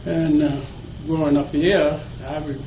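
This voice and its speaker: This is an oral history clip of an elderly man from Virginia, chuckling as he tells folksy tales from his boyhood in a slow, reminiscing way. He speaks a little high, at a measured pace, with little pitch movement. Faint noise and echo mark the dull, lo-fi audio.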